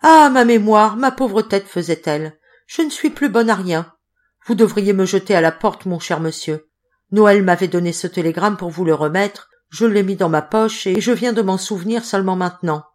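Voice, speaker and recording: A woman's voice: medium pitch, normal speed, natural voice. A woman reading an audiobook, voicing a forgetful, self-pitying old housekeeper who laments fussily. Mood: lamenting. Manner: lamenting, fussy.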